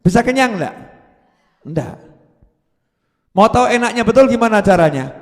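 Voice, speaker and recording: Male preacher, playful sermon style, high voice, long echo. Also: normal speed. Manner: lively, playful, acts out voices. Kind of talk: sermon with audience questions. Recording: long hall reverb.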